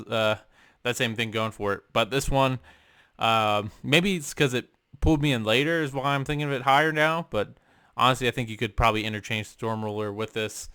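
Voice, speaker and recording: A man's voice: medium pitch, bright, forceful tone, clear, resonant tone, no echo, studio quality. A young man vlogging from his room, casually ranking albums with lots of ums and offhand swearing. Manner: rambling, many ums and uhs, casual swearing. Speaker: music vlogger. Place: home room.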